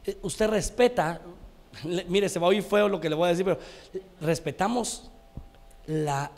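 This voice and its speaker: A man's voice: high voice, normal speed, creaky, darkish tone. A man preaching a televised sermon, telling anecdotes and calling his listeners brothers. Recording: long hall reverb.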